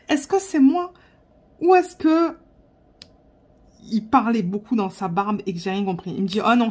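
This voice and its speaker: A woman vlogger telling a story in a casual way while she works on a craft, chatty, with frequent laughter and hesitations. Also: medium pitch.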